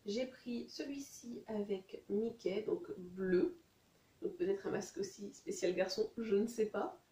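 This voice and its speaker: A woman's voice: medium pitch, unhurried, warm tone, echoey room, recorded from a distance. A woman talking casually and hesitantly through a beauty haul, with many fillers. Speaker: beauty vlogger.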